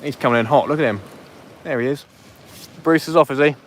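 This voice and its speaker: A man's voice: mid-range voice, brisk, a little hiss or hum. Jokey man on a beach. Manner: jokey, chatty, banters with viewers. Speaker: fishing livestream host. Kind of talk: casual live commentary to chat. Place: outdoors on a beach at dusk. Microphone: phone.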